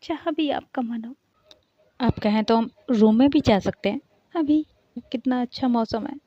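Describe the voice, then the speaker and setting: A woman's voice: on the high side, moderate pace, no room sound, highs cut off, lightly acted. A woman voicing a playful young woman who pleads with and coaxes her lover. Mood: pleading, teasing. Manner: coaxing, pleading, teasing.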